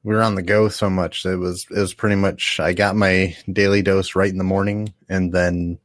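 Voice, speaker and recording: A man's voice: low voice, little pitch movement, moderate pace, no echo, clean studio sound. A tired man from the United States, a podcast guest, rambling and correcting himself with small chuckles. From American. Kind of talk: casual podcast chat.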